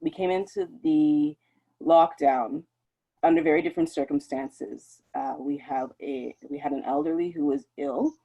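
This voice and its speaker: Woman, panel guest, candid, measured, dark mellow voice, dull lo-fi audio. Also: low voice, fairly even intonation, husky. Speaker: homeschooling mom on panel. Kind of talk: earnest personal account.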